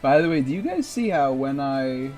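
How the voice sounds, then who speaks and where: A man's voice: mid-range voice, big pitch swings, normal speed, a little mellow, faint music behind. A man streaming a video game, rambling in casual commentary and swearing at the boss now and then.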